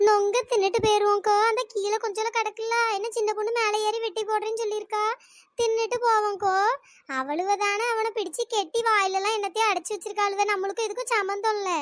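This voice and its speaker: A voice actor playing chattering village women in a cartoon, nagging and teasing. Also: female voice, dry recording. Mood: worried. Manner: nagging, teasing, shrill calls. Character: bickering, greedy village women after palm fruit. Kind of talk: cartoon voice acting.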